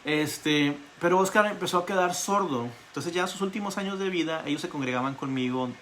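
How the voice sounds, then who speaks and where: A male pastor giving an online Bible study sermon, telling stories in an animated way and repeating words for emphasis. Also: a little high, brisk, slight background noise. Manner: animated storytelling with emphatic repetition.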